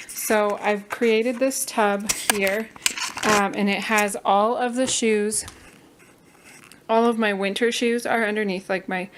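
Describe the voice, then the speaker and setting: A woman's voice: medium pitch, slight background noise. A young woman from Colorado, chatting casually through a home organizing vlog with frequent ums and likes. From Colorado, USA. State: slightly out of breath. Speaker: vlogger.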